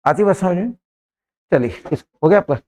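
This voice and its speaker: A man's voice: sits high, animated, normal speed, darkish tone. A man teaching an English grammar lesson in a classroom, repeating words and often checking that his students understand.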